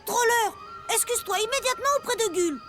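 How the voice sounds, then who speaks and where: A woman's voice: very high voice, brisk, music in the background. A woman voicing a bossy, scolding townsperson in a French children's cartoon.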